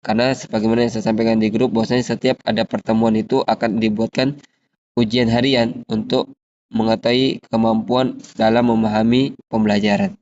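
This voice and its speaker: A man, teaching an Arabic lesson, reading example phrases slowly and explaining them patiently. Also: lowish voice, highs cut off. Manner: slow, drawn-out drill reading of example phrases, then steady explaining.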